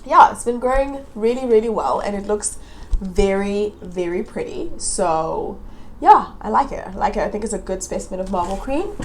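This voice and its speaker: A woman's voice: mid-range voice, lively intonation, moderate pace, slight background noise. A young woman hosting a plant channel, chatting casually while repotting, her voice nasal from hay fever, often giggling and rambling. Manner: giggly, rambling, chuckles to herself.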